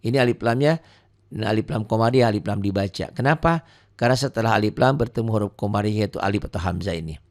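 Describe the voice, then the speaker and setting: Man teaching Quran reading slowly. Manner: slow, drawn-out chanting of example words between quick explanations; often trails off soft and low at ends of phrases. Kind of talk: casual recorded lesson.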